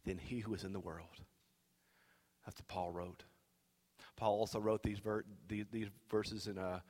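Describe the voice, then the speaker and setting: A man preaching a sermon as pastor, swinging from shouted exhortation to hushed, near-whispered pleading. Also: on the low side. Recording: long reverb of a large hall.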